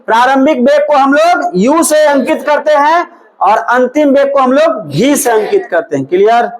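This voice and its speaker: A man's voice: extremely high pitch, animated, moderate pace, low-quality recording. A male teacher giving a physics lesson in a classroom, quizzing his students and repeating each question and answer back to them.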